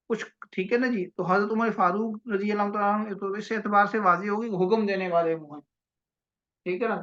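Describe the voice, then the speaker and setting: A man teaching a grammar lesson, explaining step by step and asking his own questions before answering them, often checking with his listeners and reciting Arabic phrases slowly. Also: sits high, a bit bright. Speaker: religious studies teacher. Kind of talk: classroom grammar lecture. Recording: dull lo-fi audio.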